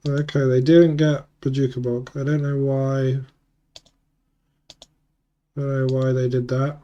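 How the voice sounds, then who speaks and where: Sick with a cold and a sore throat, a man plays an online card game and mutters his thoughts in casual play-by-play, often correcting himself. He speaks unhurriedly at medium pitch, flat yet warm, with dull audio.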